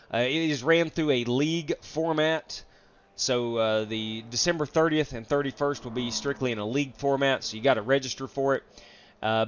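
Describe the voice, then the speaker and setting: A man's voice: medium pitch, fairly bright tone. Sick, chatty male sim racing streamer. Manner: chatty, greets viewers from chat, rambling with fillers. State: sick, feeling weak and drained. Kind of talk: casual live stream chat. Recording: dull, lo-fi dry stream audio.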